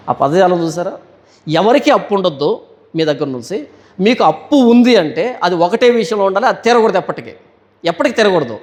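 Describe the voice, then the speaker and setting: A male pastor giving a Bible study sermon. He asks rhetorical questions and answers them, and he reads scripture verses slowly and deliberately. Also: high voice, long reverb tail.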